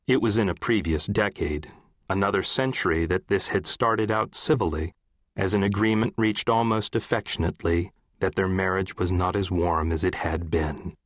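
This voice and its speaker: A man reading literary fiction as an audiobook narrator, in a measured, composed way. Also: on the low side, fairly bright tone, dry recording, clean studio sound.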